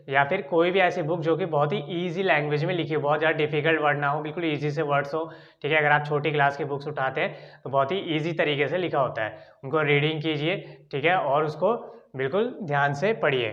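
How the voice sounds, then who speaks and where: A man's voice: fairly high pitch, fairly even intonation, fairly quick, a bit bright, lo-fi sound. A man with an Indian accent teaching an English lesson, explaining step by step and often checking in with "ठीक है". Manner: repeats "ठीक है" often as a filler.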